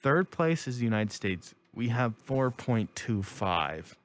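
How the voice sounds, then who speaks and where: A man's voice: mid-range voice, sing-song, takes it slowly. A young man co-hosting a casual chat, rambling through stories and laughing often. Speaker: co-host.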